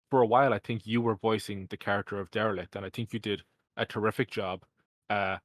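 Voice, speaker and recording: Young man, low pitch, dry sound, casual podcast host, rambling, frequent restarts. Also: no echo. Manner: rambling, lots of fillers and restarts.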